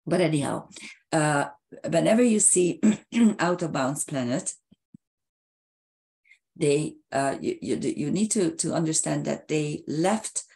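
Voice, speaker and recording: A woman astrologer explaining a chart in a halting, hesitant way, hoarse as she is losing her voice. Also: deep voice, expressive, dark tone. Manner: halting and hesitant, with frequent filler sounds and restarts.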